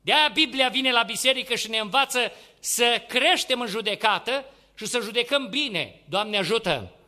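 Rhetorical questions to the congregation recur throughout this animated sermon from a male preacher with a high, very bright, piercing voice. He alternates between loud, urgent exhortation and quiet, hushed asides.

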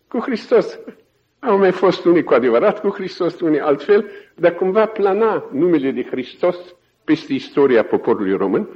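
A man preaching a sermon, telling stories in an animated way and often chuckling. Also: high-pitched, dull audio.

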